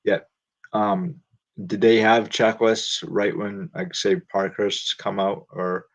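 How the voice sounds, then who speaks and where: A man's voice: on the low side, steady tone, slow, gravelly. A man hosting a casual interview, talking in thoughtful, hesitant sentences while searching for words. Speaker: host. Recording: dull lo-fi sound.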